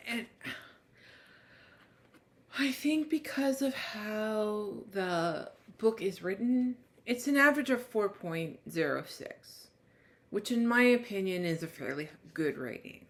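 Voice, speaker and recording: A woman reviewing a book, reading its blurb aloud and then chatting loosely with many restarts. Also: mid-range voice. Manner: rambling, many restarts and trailing thoughts. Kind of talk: casual book review chat.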